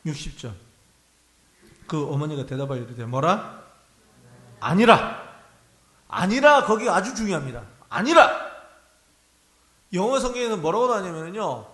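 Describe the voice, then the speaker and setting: Male pastor with a high voice, conversational sermon delivery, recorded in a reverberant church. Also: very animated, brisk, a bit bright. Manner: conversational preaching, asks the congregation questions. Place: church sanctuary. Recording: echoey church hall.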